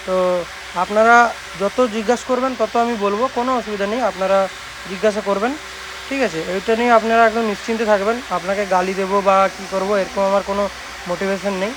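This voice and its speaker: A young man from West Bengal, India, speaks fast in a high voice with a Bengali accent. He is a speaker repair technician who hosts his own channel, and in this casual product showcase vlog he presents items informally, repeating himself and reassuring viewers. The amateur recording carries loud, steady background noise.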